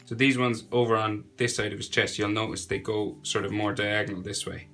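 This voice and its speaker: Faint music plays behind a fairly quick, fairly low-pitched male voice. The speaker is a young drawing tutor with a cold who sounds nasal, casually chatting as he narrates each step of his drawing.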